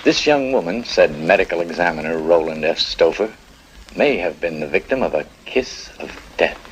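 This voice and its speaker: An actor playing a sly reporter in a 1940s film, coaxing a quote out of someone. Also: male voice, deep voice, animated, normal speed. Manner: persuasive, teasing. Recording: dull, hissy 1940s film soundtrack.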